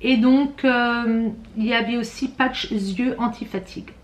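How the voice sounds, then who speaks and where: A woman chats through an unboxing, stopping and restarting with lots of fillers. Her voice is somewhat high and a bit rattly, and it rings in an echoey room. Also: steady tone, measured pace. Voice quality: self-described rattly voice. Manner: chatty, hesitant, many fillers and restarts. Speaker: beauty vlogger. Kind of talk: casual unboxing chat.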